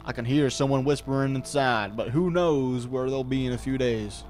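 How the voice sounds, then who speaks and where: A man's voice: mid-range voice, normal speed, darkish tone, soft background music. A man reading game text aloud and commenting casually with wry asides. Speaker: gameplay host.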